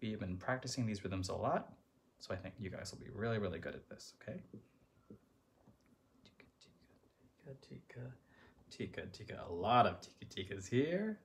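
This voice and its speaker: A man's voice: fairly low pitch, very animated, brisk, a little hiss or hum. A man teaching third graders a music lesson, chanting rhythm syllables and encouraging the children.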